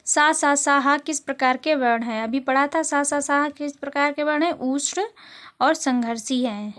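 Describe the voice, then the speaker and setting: A woman's voice: high-pitched, moderate pace, a bit bright. A woman teaching as she reads out exam questions, then explains the answers and repeats them. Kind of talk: exam-prep lesson.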